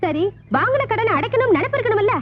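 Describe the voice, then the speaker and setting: An actress playing an aggrieved young married sister, reproachful and sharp-tongued. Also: female voice, very high-pitched, animated, quick pace, a little hiss or hum. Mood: bitter. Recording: tinny lo-fi film soundtrack with music.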